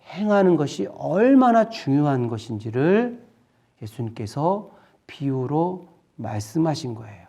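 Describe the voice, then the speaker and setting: A man delivers a children's sermon in a slightly high, mellow voice. His pitch swings widely as he tells the story, and his unhurried pace suits a young audience he calls his friends. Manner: slow, expressive storytelling addressing children as friends. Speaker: children's ministry preacher.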